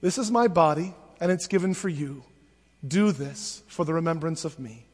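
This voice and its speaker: A male pastor leading liturgical prayers at a pulpit microphone in a church, reading in a measured, solemn way. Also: fairly high pitch. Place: church sanctuary. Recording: long church reverb.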